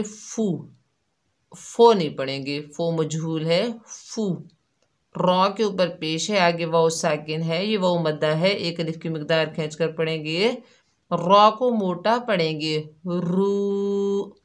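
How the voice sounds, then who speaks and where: A woman teaching Quran reading step by step, calmly explaining each letter and drawing out the demonstrated syllables. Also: deep voice. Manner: patient, drawn-out syllables when demonstrating. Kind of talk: slow step-by-step recitation lesson.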